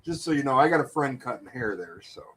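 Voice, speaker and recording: A man's voice: medium pitch, expressive, fast, a bit bright, husky, low-quality recording. A man in casual, joking banter with a friend, swearing freely and teasing back.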